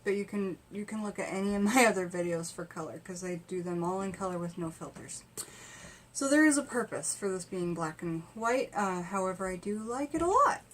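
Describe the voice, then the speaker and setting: A woman's voice: mid-range voice, animated, fairly quick, slight background noise. A woman vlogging about tarot from home in a rambling, conversational way, full of fillers and restarts. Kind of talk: casual chat.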